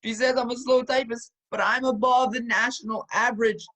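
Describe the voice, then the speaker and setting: A man's voice: very high-pitched, fairly quick. A man playing an anxious casting director who pleads and frets in an online amateur comedy sketch. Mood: fretful. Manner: pleading, fretful, lively. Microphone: video call.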